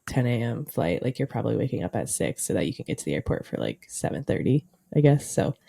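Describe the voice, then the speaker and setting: A young woman in her twenties chats on a podcast with a very low voice and a dark, mellow tone. She rambles through stories, packing in "like" fillers, and she sounds a little under the weather. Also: big pitch swings, quick pace, vocal fry, breathy edge. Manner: chatty storyteller, many "like" fillers. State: sick, coughing. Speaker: podcast co-host. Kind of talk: casual chat.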